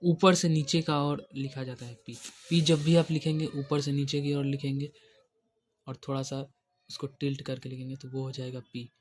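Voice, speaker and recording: A man explaining a lesson at a mid-range pitch. He goes step by step, patient and repetitive. He keeps checking in with the student. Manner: patient and repetitive, often checking in with "thik hai". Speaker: shorthand teacher.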